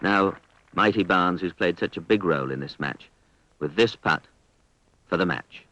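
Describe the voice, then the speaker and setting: A man giving measured, understated golf commentary on a 1970s archive sports broadcast. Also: sits low, pushed and bright, highs cut off. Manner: understated, measured descriptions with appreciative exclamations.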